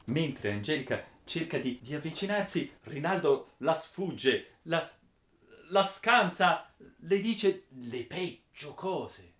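A man telling a chivalric tale aloud with expressive delivery, dropping to a hush and then rising with emphasis. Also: a little high, takes it slowly. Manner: expressive, swings between hushed and emphatic. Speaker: storyteller. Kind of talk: dramatic storytelling of a chivalric tale. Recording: echoey room.

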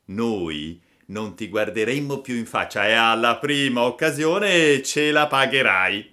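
A man's voice: mid-range voice, animated, unhurried, bright, forceful tone, pitched above the performer's own voice. A man voicing a gang of bullying schoolboys in a storybook reading, taunting and threatening.

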